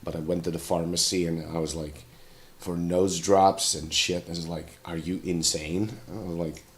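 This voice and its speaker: A man's voice: little pitch movement, normal speed. A man livestreaming a game with casual commentary, sounding sick with a sore throat and a stuffed nose. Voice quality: congested, very deep sick voice. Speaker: game streamer, show host. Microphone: streaming microphone.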